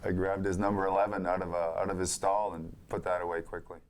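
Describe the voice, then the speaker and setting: Deep-voiced man recalling team days. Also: level tone, fast. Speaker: former hockey player. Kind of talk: reminiscing conversation.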